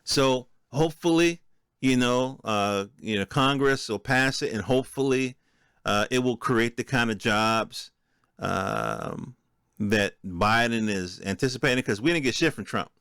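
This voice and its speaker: An American podcast host with a medium-pitched, smooth, fairly bright voice speaks unhurriedly, reading news articles and reacting with informal, opinionated commentary aimed right at his listeners. The solo show has clean studio sound with no echo.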